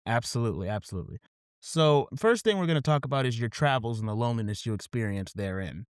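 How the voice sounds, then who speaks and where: A man's voice: medium pitch, expressive, fast, clear, resonant tone, no echo, studio quality. A man hosting a podcast, reading a scripted opening and then chatting casually, often repeating "absolutely". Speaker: podcast host.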